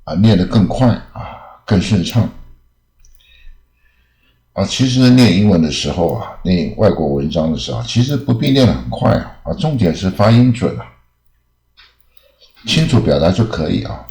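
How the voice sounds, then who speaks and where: Male teacher, deep and warm-toned, casual rambling lesson delivery, reverberant room sound. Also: sing-song. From Taiwan. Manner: rambling, ends phrases with drawn-out "ah" fillers. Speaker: English teacher. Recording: echoey room.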